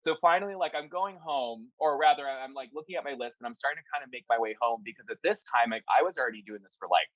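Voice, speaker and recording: A man's voice: mid-range voice, fast talker, hardly any pauses, no echo, narrow, tinny audio. A young man, a hair stylist, telling a story casually in an interview, rambling with lots of fillers like "like" and "you know". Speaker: hair stylist, salon owner.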